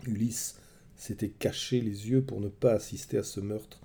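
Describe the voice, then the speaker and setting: A man telling a myth in measured, dramatic scripted narration. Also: fairly low pitch, fairly even intonation, vocal fry, husky. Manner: measured, dramatic storytelling, soft at the close. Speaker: storyteller.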